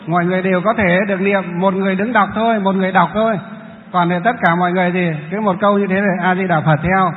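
A man, a Buddhist monk giving a chatty, explanatory dharma talk to a hall audience and quizzing them as he goes. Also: high voice. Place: large lecture hall. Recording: thin phone-like sound, long hall echo.

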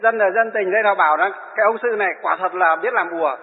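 A man's voice: high voice, quick pace. A middle-aged man, a Buddhist monk, giving a wry, chatty storytelling talk and laughing at his own anecdotes. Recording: tinny, lo-fi, long hall reverb.

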